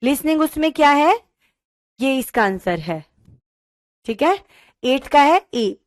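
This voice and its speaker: High-voiced woman teaching slowly. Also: very animated, no echo, studio quality. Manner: explains slowly, reads questions word by word; calls students "beta", mixes English into talk. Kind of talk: online pedagogy class.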